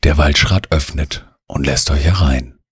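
A man slowly narrating a soothing bedtime relaxation story in the second person. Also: a bass voice, breathy edge, no room sound, studio quality.

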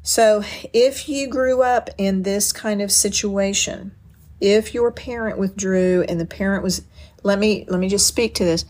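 A woman's voice: mid-range voice, unhurried, a little mellow. A middle-aged woman giving an earnest teaching talk on parenting, explaining with personal stories and often restarting her sentences. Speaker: speaker on parenting and boundaries.

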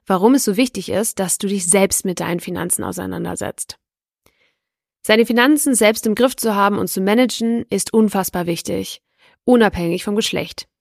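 A woman narrates a scripted explainer as a podcast host. Her voice sits at a medium pitch and speaks straight to the listener in an orderly, instructional manner. The recording is dry, with hardly any room sound. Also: creaky, no room sound. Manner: structured, instructional, addressing the listener directly.

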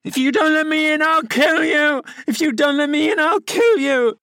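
A frail, sickly young man shrieks and screams in wild, helpless rage. The voice leaps far above the reader's own, thin and high. Close, dry audiobook sound. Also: moderate pace, sharp tone, no echo. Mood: shrieking fury.

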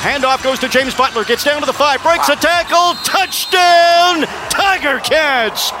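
A man doing live football radio play-by-play, making an excited touchdown call with his voice rising to a shout. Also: very high-pitched, unhurried. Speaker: play-by-play announcer. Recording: noisy live stadium broadcast.

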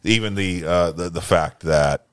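A man's voice: low voice, a little slow, smooth, dry recording, studio quality. A man in his late thirties co-hosting a podcast, chatting casually and swearing freely as he reviews a movie. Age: 30s. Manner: profane, excitable, swears often. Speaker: podcast co-host. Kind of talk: casual chat.

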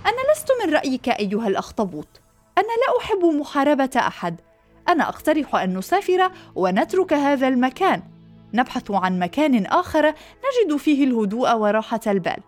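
A gentle little goldfish murmurs in a quick, light voice, as a woman plays her. She sounds mild and unwilling to fight. Faint music plays behind. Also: high-pitched, sing-song, voice pushed up. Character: gentle peace-loving little goldfish, soft-spoken.

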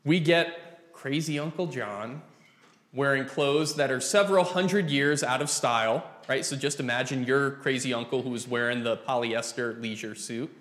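A man preaching a sermon in a church sanctuary, opening with a prayer and speaking in a deliberate, folksy manner. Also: mid-range voice, a bit bright. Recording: roomy reverberant church sound.

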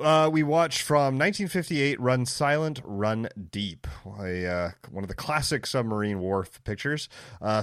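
Male co-host, lowish voice, thoughtful, good-humored, dry room. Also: fairly bright tone, dry recording. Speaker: podcast co-host. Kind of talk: casual chat.

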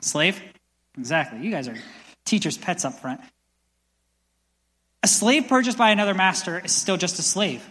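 Bright-voiced young man preaching in a hall. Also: high-pitched, moderate pace, pauses often. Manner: energetic, builds to loud passionate peaks. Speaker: pastor. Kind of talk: sermon. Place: church sanctuary. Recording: long church hall reverb.

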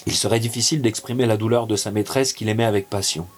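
Low-voiced man reading a tale. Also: fast, breathy edge. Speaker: narrator. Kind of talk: literary reading over music.

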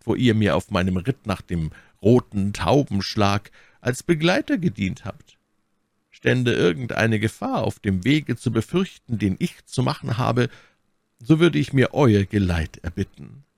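A man's voice: mid-range voice, creaky, no echo, clean studio sound, voice pushed up. A man reading an audiobook and voicing a powerful, scheming cardinal with a silky, falsely friendly manner. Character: scheming powerful male cardinal, smooth and menacing.

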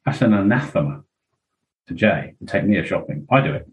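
A middle-aged man speaks in a lowish register. He talks candidly as a podcast guest. His talk rambles, full of fillers and quoted asides. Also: sing-song, moderate pace, darkish tone, poor audio. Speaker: interview guest.

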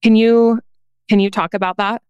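A woman in her thirties hosting a podcast interview, conversational and quick to agree. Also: a little high, fairly even intonation, a little mellow, clear, resonant tone, no echo. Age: 30s. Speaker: podcast host.

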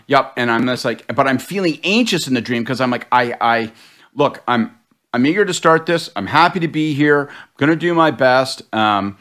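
A middle-aged man from Canada, a political panelist telling a story in casual chat, animated, self-deprecating and swearing freely. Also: medium pitch. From Canada (Prince Edward County, Ontario).

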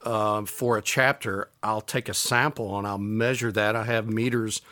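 A man with a Southern US accent, an audio engineer guest, calmly explaining technical steps in casual chat. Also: on the low side, normal speed, no room sound. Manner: calm, explanatory, practical.

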